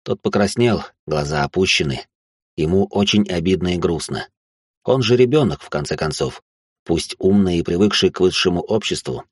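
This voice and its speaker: A man's voice: deep voice, expressive, normal speed, breathy edge, no echo, clean studio sound. A man narrating an audiobook in a casual, slangy storytelling manner.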